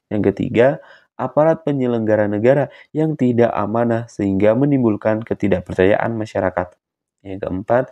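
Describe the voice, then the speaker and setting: A male teacher, narrating a video lesson and addressing his students directly in a steady, explanatory way. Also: lowish voice. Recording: dull lo-fi recording.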